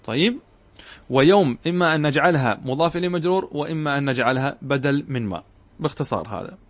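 A man's voice: on the high side, animated, quick pace. A middle-aged man lecturing on Arabic grammar, explaining step by step and asking his students questions that he then answers himself. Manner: addresses students directly and urges them to pay attention. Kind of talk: classroom lecture.

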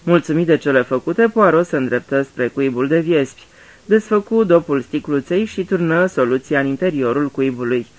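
A man narrating a mystery in a radio drama reading, measured and even. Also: on the high side.

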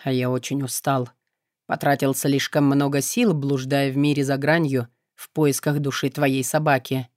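Woman voicing a low, hushed male demon. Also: flat delivery, normal speed, dry recording, studio quality. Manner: detached, mentor-like, turning low and seductive. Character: cold, weary male demon lord, shadow master. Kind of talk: audiobook character voice.

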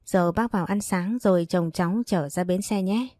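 A woman's voice: fairly low pitch, normal speed, dark tone, no room sound, natural voice. A woman voicing a tender, motherly older aunt from the countryside in a read-aloud storybook.

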